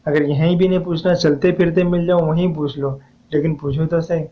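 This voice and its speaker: A man's voice: fairly high pitch, mellow, lo-fi sound. Man teaching poetic meter, diction. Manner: patient, repeats steps, urges viewers to ask questions. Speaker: poetry teacher. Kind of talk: explaining a lesson on poetic meter.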